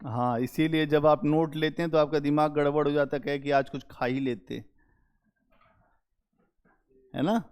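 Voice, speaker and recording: A man teaching a history lecture to exam students, emphatic and deliberate, often asking the class rhetorical questions. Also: a little high, fairly even intonation, darkish tone, clear, resonant tone.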